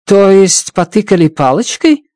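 A male narrator voicing a brisk, sardonic woman official in an audiobook, with dry teasing and impatient questions. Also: sits low, big pitch swings, a little mellow, no echo, pitched above the performer's own voice. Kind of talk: audiobook character voice.

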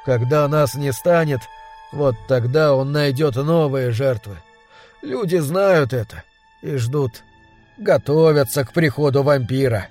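A man's voice: mid-range voice, a little slow, darkish tone, soft background music, lightly acted. A man voicing a desperate, anguished husband pleading for help against a vampire. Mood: hopeless. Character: desperate middle-aged man haunted by a vampire. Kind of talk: audiobook character reading.

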